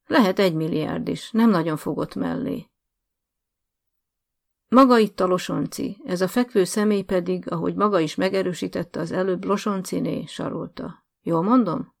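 A woman's voice: fairly low pitch, creaky. A woman reading an audiobook, voicing a rude male official who talks in a curt, mocking, condescending way. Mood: contemptuous.

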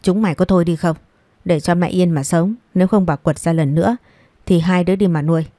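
A woman's voice: on the low side, fairly even intonation, a little fast, mellow, dry recording, lightly acted. A woman voicing a tired, regretful eldest son who speaks wearily. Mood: weary. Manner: weary, sighing.

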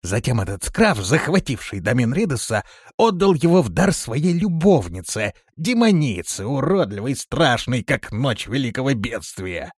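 A man's voice: mid-range voice, big pitch swings, moderate pace, slightly rough, no room sound, studio quality, pitched above the performer's own voice. A man voicing a boastful, whining, cowardly male creature in an audiobook.

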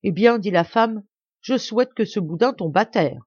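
A woman's voice: mid-range voice, lively intonation, normal speed, background noise, close to an everyday voice. Woman reading as a fretful peasant wife. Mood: calm. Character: quarrelsome poor peasant wife, impulsive. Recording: dry, slightly dull home recording.

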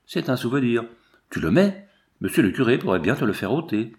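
A man's voice: medium pitch, very animated, brisk. A man reading aloud, voicing a young altar boy who chatters and prods with questions. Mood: chatty.

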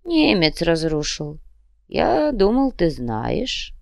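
A woman voicing a stern, dying old male monk who speaks slowly and curtly. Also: lowish voice, wildly swooping pitch, vocal fry, darkish tone, no echo, clean studio sound, heavily acted. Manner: slow, weighty, curt speech. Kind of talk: audiobook character reading.

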